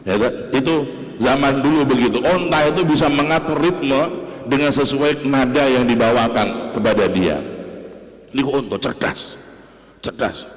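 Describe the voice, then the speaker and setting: A man with a Javanese accent giving a morning sermon in a large mosque, talking in an animated way, repeating key words and addressing the listeners directly. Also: mid-range voice, normal speed. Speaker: preacher. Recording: echoey mosque hall with long reverb.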